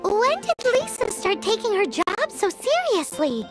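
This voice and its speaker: A woman voicing a tiny, excitable, cheeky childlike fairy companion in an anime game, with a squeaky voice. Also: unhurried, exaggerated voice. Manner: excitable, refers to self by name. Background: loud jingly music.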